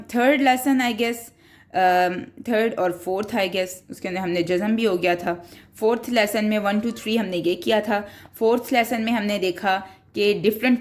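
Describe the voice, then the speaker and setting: A woman teaching Quran reading in a recorded tutorial, explaining each rule patiently, step by step. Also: mid-range voice. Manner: patient, explains step by step, mixes in English words.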